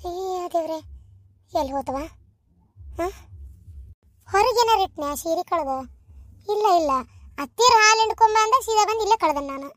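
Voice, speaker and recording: A woman plays a fretful young village wife in a cartoon, anxious and tearful, with a North Karnataka accent. The voice is very high and whiny, recorded close and dry. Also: expressive, moderate pace, long pauses, a bit bright, no echo. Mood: worried. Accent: North Karnataka Kannada. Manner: whining, worried, tearful.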